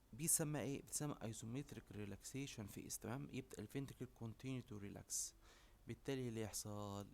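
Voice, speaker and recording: A young man with an Egyptian Arabic accent teaches in a rapid, casual lecture style. He keeps quizzing his listeners and checking that they follow. A faint hiss of background noise sits under his voice. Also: mid-range voice, a little mellow. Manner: quizzing, constantly asks "okay?". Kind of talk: casual lecture mixing English medical terms.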